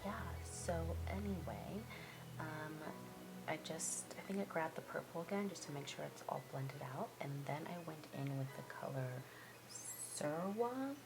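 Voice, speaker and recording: Low, creaky, muffled woman vlogger. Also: expressive, measured pace. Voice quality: slightly muffled. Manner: chatty, self-deprecating, apologetic. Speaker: beauty vlogger. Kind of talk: casual makeup tutorial voice-over. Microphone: basic mic, not a good one. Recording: muffled cheap mic, loud music behind. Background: loud music.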